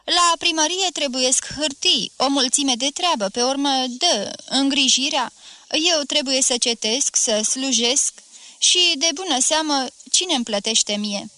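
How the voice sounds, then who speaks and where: A woman reading aloud and voicing a fussy, greedy old village priest who mumbles, then shouts and splutters, in a close, dry recording. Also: high-pitched, animated, dry recording. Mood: insistent.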